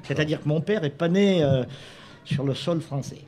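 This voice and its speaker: A man's voice: fairly high pitch, moderate pace, mellow. A man serving as a mayor guest on a talk show, speaking politely and hesitantly, often laughing. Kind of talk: casual on-air interview.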